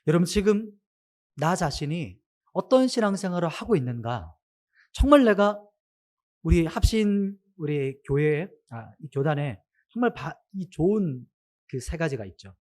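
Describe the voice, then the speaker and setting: A man's voice: a little high, unhurried. A man preaching a sermon to his congregation, asking them many questions. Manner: asks the congregation many questions, animated rise and fall.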